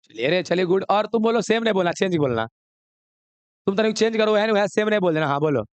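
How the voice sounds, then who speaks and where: Male chemistry teacher, high voice, dry close sound, classroom lesson. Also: expressive, fast talker, no echo. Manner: coaxing, scolding, mixes Hindi with English.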